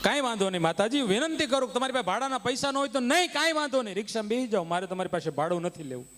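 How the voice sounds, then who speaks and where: Guy putting on a high eager rickshaw driver, super polite, echoey stage. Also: expressive, very fast, a bit bright. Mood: pleading. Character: kind respectful rickshaw driver.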